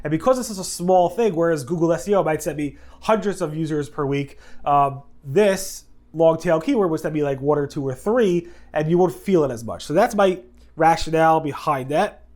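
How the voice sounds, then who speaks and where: Slightly high and a little mellow, the congested voice of a man with a head cold carries a casual video news recap. He rambles along, frequently correcting himself and dropping in short asides.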